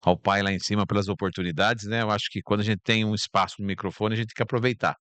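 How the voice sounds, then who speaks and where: A man from Brazil, a podcast guest on a bar stage, talking in a calm, reflective and spiritual way and often repeating words while he searches for them. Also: on the low side, fast talker, no echo. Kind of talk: casual chat.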